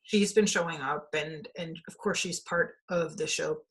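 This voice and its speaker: A woman from Denmark hosting a spiritual podcast interview, talking in a halting way with many restarts and fillers. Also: low-pitched, fairly even intonation. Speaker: podcast host. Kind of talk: casual conversational interview.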